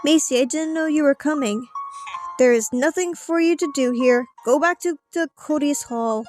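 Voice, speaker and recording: A woman's voice: high voice, normal speed, darkish tone, faint music behind. A woman playing through a story game, reading the dialogue aloud theatrically with casual asides. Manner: theatrical, acting out character lines. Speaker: let's play streamer.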